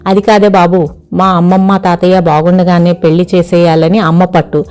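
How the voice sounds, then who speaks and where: A woman's voice: on the low side, flat delivery, normal speed, a little mellow, soft background music, close to an everyday voice. A woman voicing a pleading young man.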